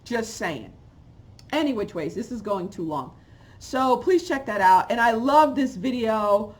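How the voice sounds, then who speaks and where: Her fairly high voice moves a little slowly as she alternates between loud outbursts and low, muttered asides. She is a fired-up woman in her forties from Haiti, raised in New York, a channel host ranting with strong opinions into a close webcam in a bookshelf-lined room at home.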